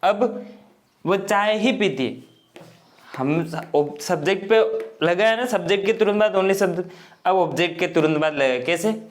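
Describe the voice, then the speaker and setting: High-voiced man teaching grammar slowly. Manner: slow, repetitive explaining with frequent checks. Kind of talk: explaining grammar in Hindi.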